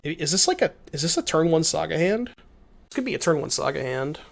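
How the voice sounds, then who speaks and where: Very animated and brisk, a young streamer with a slightly high, gravelly voice chats his way through a card game, talking to his viewers. He's congested and his voice is a little worn, and he thinks aloud, reads chat and restarts often in this casual commentary.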